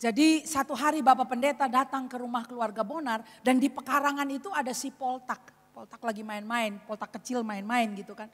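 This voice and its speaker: A woman preacher telling a humorous story to her congregation in a lively, joking way. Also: fairly high pitch, a little fast, few pauses. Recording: reverberant church hall.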